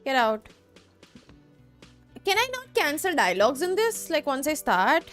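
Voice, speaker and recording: Brief: wry woman game streamer, fairly high voice, game music faint behind. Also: sing-song, measured pace, a bit bright. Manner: chatty, wry. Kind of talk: casual commentary.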